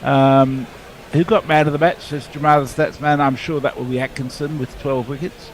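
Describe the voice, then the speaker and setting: A man's voice: fairly high pitch, steady tone, normal speed. A man co-commentating on cricket, reading listener messages in a dry, wry way. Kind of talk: casual commentary chat.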